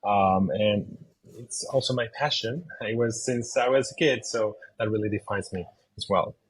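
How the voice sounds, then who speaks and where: Husky-voiced Chilean man, hesitant. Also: on the low side, moderate pace, low-quality recording. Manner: hesitant, many fillers and restarts. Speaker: interview guest, video game designer. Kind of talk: casual interview answers.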